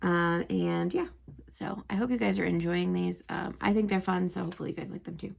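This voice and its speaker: A woman's voice: on the low side, fairly even intonation, brisk, gravelly, darkish tone, breathy edge. A young woman, a teacher, casually retelling history stories to her students, chatty and full of "um" and "like". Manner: chatty, lots of "um" and "like".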